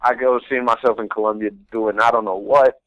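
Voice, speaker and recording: A young man, new to pro soccer, guests on a radio talk show and tells his story in a casual interview, earnest and rambling with frequent sentence restarts. His mid-range voice is steady, slightly fast and a bit bright, with no room sound and the highs cut off.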